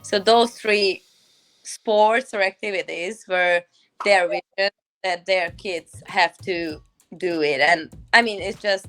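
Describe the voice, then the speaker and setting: A young woman with a Hungarian accent, answering casual interview questions in English at an unhurried pace, often pausing to search for words. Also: mid-range voice, fairly bright tone, soft background music. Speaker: guest, professional hockey player.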